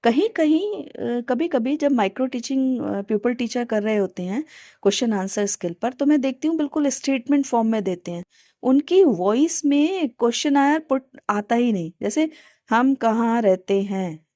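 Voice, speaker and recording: A woman's voice: fairly high pitch, lively intonation, normal speed, mellow, no room sound, studio quality. A woman teacher educator with an Indian Hindi accent, explaining teaching skills in a casual spoken lesson, with many fillers and English terms mixed in.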